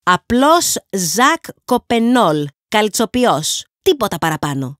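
A woman voicing a burly, blunt middle-aged hosier with a thunderous, plain-spoken shout, in a storybook reading. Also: medium pitch, big pitch swings, dry recording, clean studio sound.

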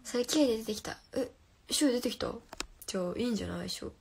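A young woman hosts a casual phone livestream, reading out viewer comments and answering them playfully. Her voice sits a little high but carries a gravelly fry, and she often sinks into soft whispers. A faint hiss sits under her voice. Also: lively intonation, very fast. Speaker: livestream host.

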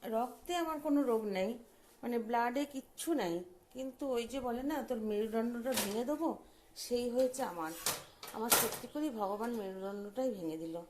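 A woman's voice: on the high side, animated, normal speed, noisy background. A middle-aged woman hosting a casual home vlog from her kitchen, chatty and keeps asking viewers questions as if they were friends. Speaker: vlogger host. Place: home kitchen and dining room.

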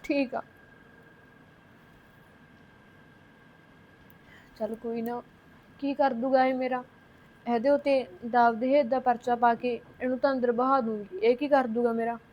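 A woman's voice: on the high side, flat delivery, normal speed, muffled recording, natural voice. A young woman playing a spoiled newlywed wife who whines and complains about her in-laws. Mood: scheming. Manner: whining, complaining, quarrelsome. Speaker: actor in a short film. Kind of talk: village short-film acting.

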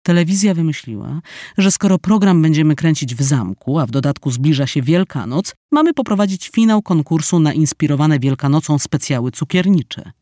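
A man voicing a fiery, perfectionist middle-aged woman chef in an audiobook, with sharp, dramatic outbursts. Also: fairly high pitch, lively intonation, normal speed, no room sound, clean studio sound, natural voice. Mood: agitated.

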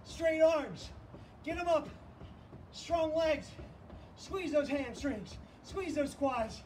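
High-pitched male fitness coach, energetic cue-calling, mic set back, faint hiss. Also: takes it slowly. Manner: energetic, calls out counts and cues. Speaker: fitness instructor. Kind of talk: live online workout coaching. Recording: distant mic, faint background noise.

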